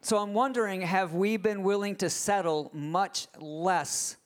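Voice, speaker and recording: A man preaching a sermon in short phrases, pausing after each for his interpreter. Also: high voice, fairly even intonation.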